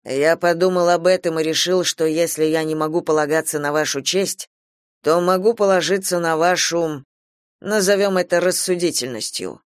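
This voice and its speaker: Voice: mid-range voice, moderate pace, clear, resonant tone, no echo, studio quality, lightly acted. A reader voicing Boldwood, a grave and tormented farmer, speaking tensely in an audiobook. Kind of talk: audiobook character reading.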